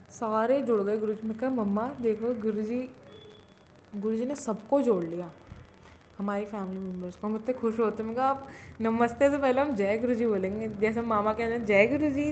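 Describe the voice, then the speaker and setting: An earnest young woman gives a devotional testimony in a fairly high voice. She circles back over her words and restarts her sentences again and again. The audio is muffled and lo-fi, with a faint hiss underneath. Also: darkish tone. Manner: earnest, repeats herself and restarts often. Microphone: self-recorded audio.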